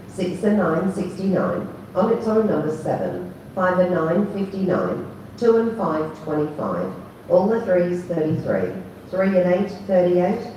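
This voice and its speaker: Heard from off in a very echoey venue, a woman calls bingo. Her tone is soft-edged and mellow. She announces in the set, chanted formula of a bingo caller, with faint noise around her. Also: fairly low pitch. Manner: formulaic chant, digit by digit then number. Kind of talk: bingo calling, announcing numbers. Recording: echoey hall, distant mic, faint noise.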